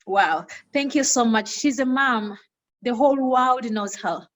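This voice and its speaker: Host: young woman, bright higher voice, effusive and admiring. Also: measured pace. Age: young adult. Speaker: talk show host. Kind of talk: casual chat.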